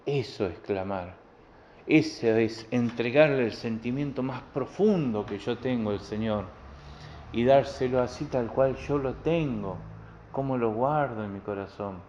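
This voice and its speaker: A man's voice: medium pitch, unhurried, darkish tone, slight background noise. A male pastor with a Rioplatense accent giving a sermon in a plain, conversational way, often repeating phrases. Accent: Rioplatense Spanish. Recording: dull lo-fi recording with faint ambience.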